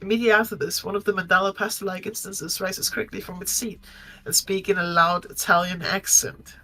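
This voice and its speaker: Bright-voiced woman reading a document aloud. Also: mid-range voice, little pitch movement, fairly quick, faint music behind, rough recording. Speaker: co-reader. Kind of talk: live reading of a fictional document.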